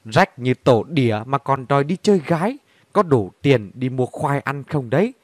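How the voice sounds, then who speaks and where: A man's voice: medium pitch, big pitch swings, moderate pace, no room sound, clean studio sound. A man voicing a brash, scornful young woman in a bar, talking in a coarse, mocking way.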